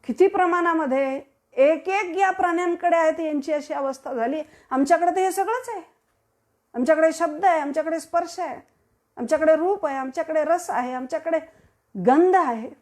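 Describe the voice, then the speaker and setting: A woman's voice: very high voice, normal speed, a little mellow. A woman from Maharashtra giving a devotional discourse as a kirtan preacher, rhetorical and declaiming with sudden swells.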